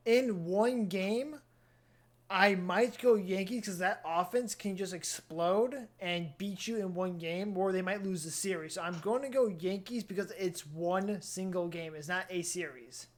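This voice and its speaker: A man's voice: sits high, measured pace. A man co-hosting a casual sports podcast, agreeing readily and giving short opinions. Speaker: podcast co-host.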